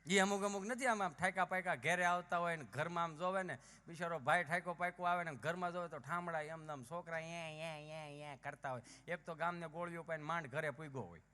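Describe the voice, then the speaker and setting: A man's voice: a little high, fairly quick, few pauses, bright, forceful tone. A man performing live folk stand-up, acting out village characters with shifting voices. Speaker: folk comedian on stage. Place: outdoor or hall folk stage. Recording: live stage with long hall reverb.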